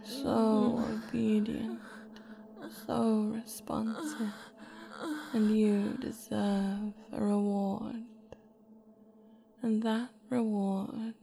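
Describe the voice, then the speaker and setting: A woman doing an intimate ASMR role-play close to the ear, breathy, soothing and hypnotic in her coaxing. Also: mid-range voice, flat delivery, very slow, long pauses, dark tone. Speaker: adult audio performer.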